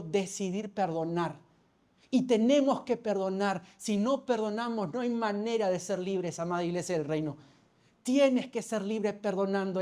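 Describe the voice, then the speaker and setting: A man's voice: sits high, a little mellow. A man, a pastor preaching a sermon. He tells a personal story, calls for amens and often restarts his phrases. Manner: storytelling, calls for amen, self-correcting restarts.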